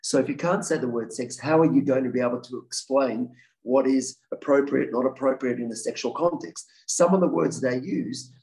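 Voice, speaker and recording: An earnest man in his forties speaks at a talk and takes questions from the audience. His voice sits at an ordinary pitch, and he often restarts and repeats his words as he works through an answer. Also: moderate pace, darkish tone, rough recording. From Australia. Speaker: guest speaker, victims' advocate.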